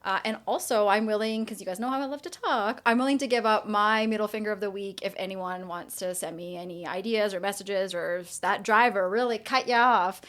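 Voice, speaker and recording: Woman in her 40s hosting a podcast, normal pitch, just talking casually. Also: brisk, hardly any pauses, fairly bright tone. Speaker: podcast host.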